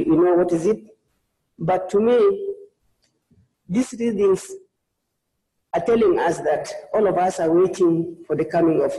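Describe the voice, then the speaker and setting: A woman's voice: on the low side, mellow, echoey room, rough recording. A woman from Sudan, preaching a sermon as a guest in a church, earnest and personal. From South Sudan. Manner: earnest, personal testimony with frequent restarts.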